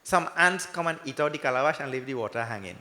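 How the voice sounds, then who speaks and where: A man speaking as a swami gives an emphatic scripture discourse, repeating points and answering his own questions in sermon style. His mid-range voice is sharp, lively in intonation and quick. The echoey hall has long reverb and faint music.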